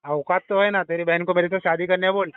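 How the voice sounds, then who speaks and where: A man's voice: high-pitched, flat delivery, fast talker, smooth, no room sound. A man who owes money, crudely teasing and insulting a recovery caller. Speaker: borrower being called. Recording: tinny phone line.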